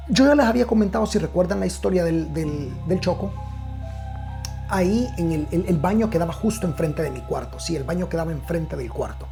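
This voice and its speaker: A man's voice: on the high side, creaky, warm tone. A man with a Guatemalan Spanish accent telling a personal story in a casual, conversational way to returning listeners, with many fillers and restarts. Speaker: storyteller host.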